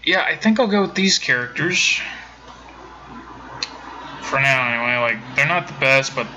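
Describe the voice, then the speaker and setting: A man's voice: fairly high pitch, animated, moderate pace, bright, forceful tone, rough recording. A man streaming a game from home, chatting casually with viewers and rambling with many self-corrections. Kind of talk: casual let's-play commentary.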